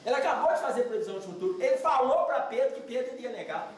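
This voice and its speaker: A man gives a religious study talk with a lively pitch that jumps around. He is heard from a distance in a very echoey large hall, with faint noise underneath. He keeps turning to the audience with questions. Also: racing. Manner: animated, asks the audience questions. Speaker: lecturer.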